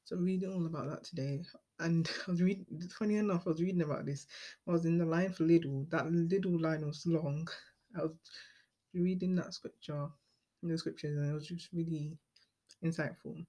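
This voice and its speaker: A woman's voice: low-pitched, fairly even intonation, moderate pace, dark tone. A young woman in her late teens hosting her own podcast, talking casually in a rambling, chatty way with frequent ums and self-corrections. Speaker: podcast host. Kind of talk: casual solo podcast monologue.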